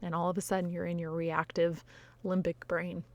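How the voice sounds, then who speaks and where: A woman's voice: fairly low pitch, flat delivery, normal speed, no echo. A woman life coach giving frank, conversational advice straight to her viewers, often tagging her points with "you know" and "right?". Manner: frank, occasionally swears. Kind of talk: direct-to-camera advice talk.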